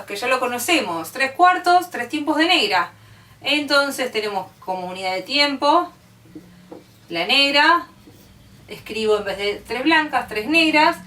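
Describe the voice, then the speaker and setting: A woman's voice: high voice, a bit bright. A woman with an Argentine accent teaching music, explaining step by step and checking in with her students. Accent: Argentine Spanish. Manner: patient, step by step, checks understanding with "¿sí?". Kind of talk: classroom explanation. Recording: roomy, distant mic.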